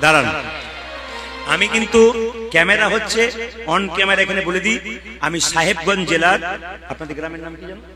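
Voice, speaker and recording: Bengali guy leading kirtan, high voice, jokey chatty, loud music behind. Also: a little fast, long pauses. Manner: chatty and teasing between loud sung chant calls. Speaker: kirtan singer leading a village audience. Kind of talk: live devotional kirtan with call-and-response chanting. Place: outdoor village gathering with an audience. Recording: live music over a PA.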